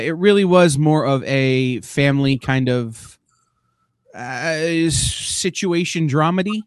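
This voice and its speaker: A man's voice: mid-range voice, dry recording. A man hosting a casual chat show, making dry, self-deprecating jokes. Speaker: podcast host.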